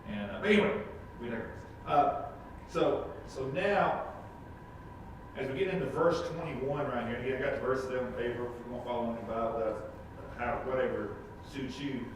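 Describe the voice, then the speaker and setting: A man's voice: mid-range voice, normal speed. A man teaching a casual Sunday school Bible lesson, rambling with many fillers and restarts. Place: church classroom. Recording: echoey room from a distant mic, noisy.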